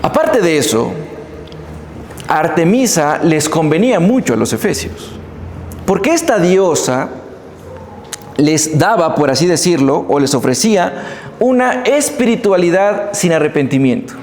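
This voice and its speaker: Male preacher, high and lively voice, long church-hall reverb, faint room hum. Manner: animated storytelling, addresses congregation directly. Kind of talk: sermon.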